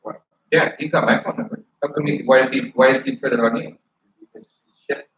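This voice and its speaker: A man's voice: mid-range voice, steady tone, fairly quick, a little hiss or hum. A man talking casually and earnestly, rambling with many restarts as he argues his point. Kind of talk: casual argument. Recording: echoey room, far from mic, dull.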